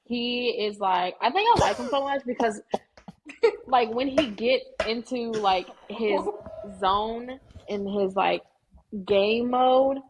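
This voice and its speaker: A woman's voice: fairly high pitch, background noise. A young woman chatting as a podcast guest, opinionated and chatty with many "like"s. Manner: chatty, opinionated, uses "like" often. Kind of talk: casual chat.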